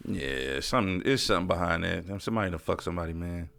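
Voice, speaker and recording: A woman's voice: a bass voice, lively intonation, quick pace, vocal fry, a bit bright, a little hiss or hum. A woman co-hosting a casual podcast, making blunt, profane comments. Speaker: podcast co-host. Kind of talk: casual chat.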